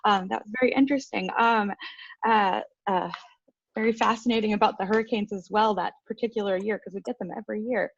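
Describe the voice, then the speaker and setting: Gravelly woman moderating a panel. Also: mid-range voice, steady tone, a little fast, muffled recording. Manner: casual, hesitant with fillers. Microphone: video call.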